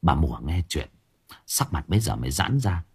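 A man narrating an audiobook story in an expressive, dramatic reading style. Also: extremely low pitch, moderate pace, vocal fry, slightly rough.

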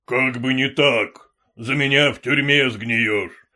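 A man voicing a stern, officious government courier with a deep voice. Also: slow, pushed and bright. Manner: stiff, officious.

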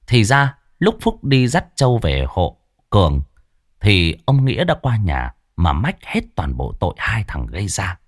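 A man narrating a ghost story in an animated storytelling manner. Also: lowish voice, unhurried, no room sound, studio quality.

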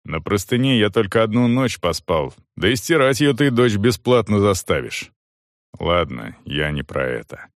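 A man's voice: lowish voice, sing-song, normal speed, no room sound, clean studio sound. A man voicing a blunt, commanding wounded soldier who speaks curtly. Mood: stern. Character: gruff wounded male soldier, stern master.

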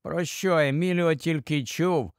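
A man's voice: a little high, measured pace, no echo, clean studio sound. Man reading a story dramatically. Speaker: audiobook narrator. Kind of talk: scripted story narration.

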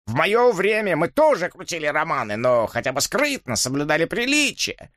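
A man reading an audiobook, voicing a stiff, easily offended older gentleman with a pompous manner. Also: on the high side, big pitch swings, normal speed, dry recording, clean studio sound, voice pushed up. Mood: indignant. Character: stiff, indignant older gentleman, bony and proper.

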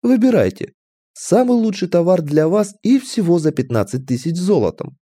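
A man reading an audiobook, voicing a fat, sly male merchant who speaks in an unctuous, flattering, pushy way. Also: high voice, normal speed, dry recording, pitched above the performer's own voice. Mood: salesy.

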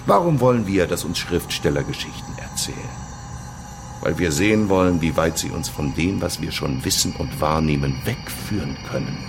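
This low-pitched, creaky male voice belongs to an actor in a German radio play, cast as a coolly menacing, cynical Soviet chief prosecutor. His intonation is lively, his emphasis drawn out and theatrical, at times sinking near a whisper, over background noise in a grandiose, sardonic mood.

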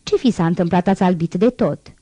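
A woman voicing a shy, devout nun who nurses the sick, speaking higher and timidly. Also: dark tone, dry recording, natural voice. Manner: shy and pleading.

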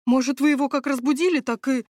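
A woman's voice: high-pitched, fairly even intonation, fast, a little mellow, no room sound, pitched above the performer's own voice, natural voice. A grumbling male castle steward who wheedles and dodges, always fretting about his own plans, read by a woman. He haggles rather than answers. The storybook sound is dry and close. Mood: complaining. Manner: whining, evasive, haggling. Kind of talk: audiobook character reading.

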